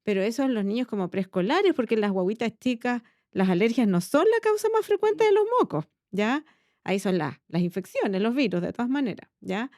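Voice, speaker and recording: A woman's voice: a little high, big pitch swings, brisk, a little mellow, no echo, studio quality. A woman pediatrician with a Chilean accent, explaining patiently in a casual podcast chat and checking in with tag questions. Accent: Chilean Spanish.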